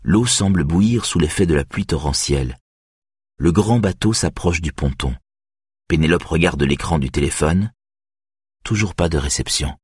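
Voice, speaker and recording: A man reading a thriller audiobook in a measured, steady way. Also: extremely low pitch, breathy edge, dry recording, clean studio sound. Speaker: audiobook narrator. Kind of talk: scripted narration of a thriller.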